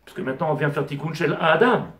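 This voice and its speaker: High-voiced rabbi teaching in an echoey room. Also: male voice, animated, fast talker, a bit bright. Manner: digressive, rhetorical questions to the class; mixes Hebrew terms into French. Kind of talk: Torah class. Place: classroom with a small audience.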